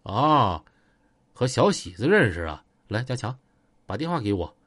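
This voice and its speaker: A man doing a calm, authoritative gang boss. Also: medium pitch, a little slow, no room sound, clean studio sound, voice pushed down. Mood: reassuring. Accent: Northeastern Chinese. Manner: steady, reassuring, authoritative.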